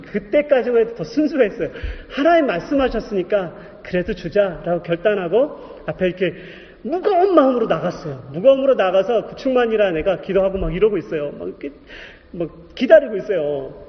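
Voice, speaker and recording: A man in his thirties, a pastor preaching a testimony, telling his story in an animated way and acting out the voices in it. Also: high voice, fast. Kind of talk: sermon testimony. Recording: dull echoey hall recording.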